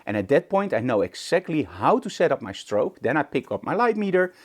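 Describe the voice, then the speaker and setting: A Dutch man, Dutch his first language, hosts an informal photography tutorial, talking to camera in a slightly high, sing-song voice at a fairly quick pace. As a photography instructor and show host, he speaks conversationally and with emphasis, often posing rhetorical questions.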